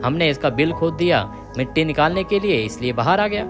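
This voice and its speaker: A man voicing a gentle, virtuous young wife who pleads and apologizes in a devotional story, with music behind. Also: on the high side, expressive, brisk, pitched above the performer's own voice, close to an everyday voice. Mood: pleading.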